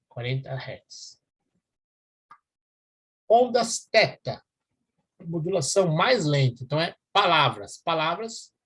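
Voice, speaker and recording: A man's voice: a little high, slightly rough. A man, giving a university lecture and explaining step by step while checking in with his students. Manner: explanatory, checks in with listeners often. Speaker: university professor.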